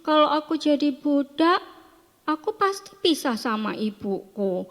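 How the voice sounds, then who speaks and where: A woman's voice: high-pitched, sing-song, measured pace, fairly bright tone, voice pushed up, exaggerated voice. A woman voicing a frightened young son who speaks sadly and worriedly, in a reverberant hall. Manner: sad, worried.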